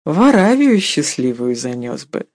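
A woman voicing a bold, handsome young male worker who flatters slowly and sweetly. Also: deep voice, dry recording, clean studio sound, full character voice. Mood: flattering.

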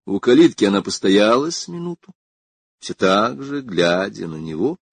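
A man with a gravelly, husky voice narrating a story in an expressive, unhurried way. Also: fairly low pitch, no room sound.

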